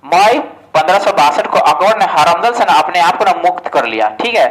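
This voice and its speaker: Man, exam-prep lecture, asks and answers his own questions, high voice. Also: a little fast, a bit bright, low-quality recording. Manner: asks questions and answers them himself, often says "ठीक है". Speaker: exam coaching teacher.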